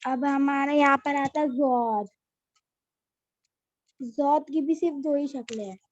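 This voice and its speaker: A woman's voice: high voice, fairly even intonation, a little slow, highs cut off. A woman teaching a children's alphabet lesson, patiently repeating each letter name as she explains.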